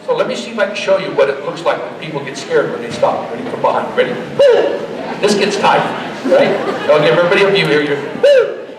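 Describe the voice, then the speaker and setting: A middle-aged man giving a live demonstration and pitch to an audience in a folksy, joking, motivational way, as a trainer. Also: animated, quick pace. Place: large indoor horse expo arena. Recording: echoey expo hall, distant, crowd noise. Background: crowd.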